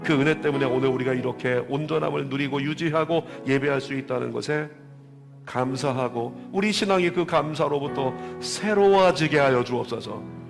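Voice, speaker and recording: A middle-aged male pastor preaches a sermon, his gravelly voice sitting at an ordinary pitch. He tells stories and shifts from soft asides to strong, loud emphasis. A long hall reverb hangs on every word in the church. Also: moderate pace, over music. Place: church sanctuary.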